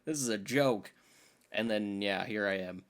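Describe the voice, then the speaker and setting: A young adult man co-hosts a casual film podcast, making his points in loose conversation in an opinionated, emphatic way with slangy asides. His voice is fairly low and a little slow.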